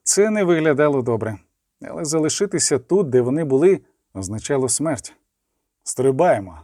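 A man's voice: fairly high pitch, lively intonation, a little fast, mellow, no echo, clean studio sound. Man narrating a fantasy audiobook.

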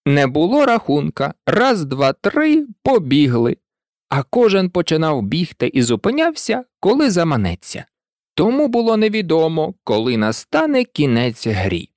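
Expressive storybook narrator. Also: medium pitch, moderate pace, no room sound, clean studio sound. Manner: expressive, swooping delivery. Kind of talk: storybook reading.

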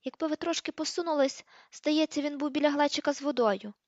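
A woman reading an audiobook, voicing a gentle, dreamy teenage girl who speaks softly and calmly. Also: high voice, fairly quick, no room sound, voice pushed up. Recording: dull lo-fi recording.

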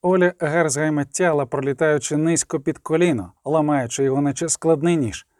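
Male fantasy narrator with a warm, fairly high voice and a dramatic, measured read. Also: dry recording, clean studio sound. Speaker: audiobook narrator.

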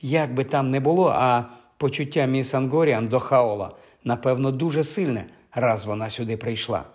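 A man narrating a fantasy audiobook in a measured, expressive storytelling manner. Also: medium pitch.

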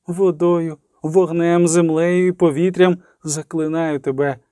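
A man's voice: fairly high pitch, little pitch movement, unhurried, mellow, clean tone, no room sound, clean studio sound, lightly acted. A man voicing a desperate young sorceress who pleads and commands in incantations. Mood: commanding.

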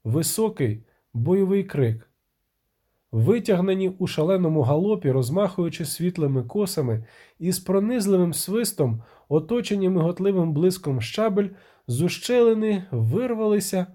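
A man's voice: high-pitched, lively intonation, normal speed, mellow. A man narrating a fantasy audiobook expressively, giving the characters voices.

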